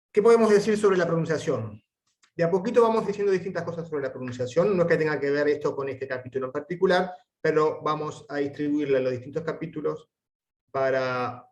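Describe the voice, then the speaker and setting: A man gives a recorded Latin lesson, reading aloud and drilling pronunciation one syllable at a time. His voice sits a little high for a man. He speaks slowly and takes his time over each sound. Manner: slow, careful spelling out of syllables and sounds; reads the Latin text aloud deliberately. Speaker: Latin teacher.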